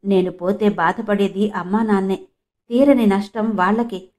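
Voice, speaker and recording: A woman's voice: medium pitch, steady tone, normal speed, a little mellow. Woman from andhra reading an audio novel, sad and emotional, first person. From Andhra Pradesh, India. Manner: emotional, mournful storytelling. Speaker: audiobook narrator.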